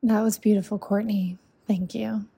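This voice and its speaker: A woman host calmly reading a scripted introduction and sign-off. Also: medium pitch, moderate pace, creaky, breathy edge. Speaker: podcast host.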